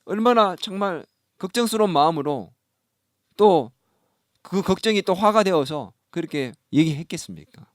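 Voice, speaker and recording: Male pastor, lively high voice, questions the congregation, dry close mic. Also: moderate pace, no echo. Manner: animated, acts out scolding dialogue, asks the congregation questions. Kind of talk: sermon.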